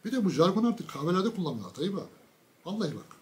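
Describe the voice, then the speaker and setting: A man giving a casual political monologue, mocking and ranting, with sudden loud bursts and low asides. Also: sing-song, fast. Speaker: political commentator.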